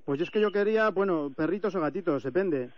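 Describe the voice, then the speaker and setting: A man from making a prank call over a landline phone, calm, polite and persistent. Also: high-pitched, brisk, no echo. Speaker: prank caller. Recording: dull, lo-fi telephone line recording.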